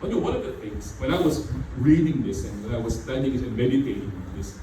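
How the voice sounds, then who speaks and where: Speaking fast and with animation in a mid-range voice, a middle-aged pastor preaches to a church hall, repeating himself and saying "you know" often. English isn't his first language. The recording is distant from the mic, very echoey, and carries background noise.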